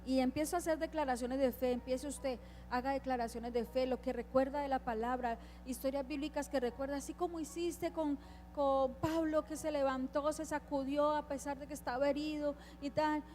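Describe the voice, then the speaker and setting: A woman's voice: high voice, steady tone, moderate pace, a little mellow, a little hiss or hum. A woman preaching a sermon, emphatic and putting questions to her congregation.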